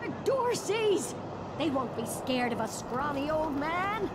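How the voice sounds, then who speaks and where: An actress playing a bossy, exasperated frontier shopkeeper's wife in a video game, with an Old West American drawl. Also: female voice, sits high, big pitch swings, slow, heavy background noise, heavily acted. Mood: alarmed, scolding. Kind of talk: video game character acting.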